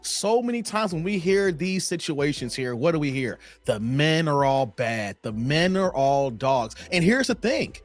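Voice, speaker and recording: A man's voice: a little high, expressive, unhurried, few pauses. A man hosting a reaction commentary, lecturing in a preachy way and tagging "here" onto his phrases. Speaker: commentary host reacting to a call-in show.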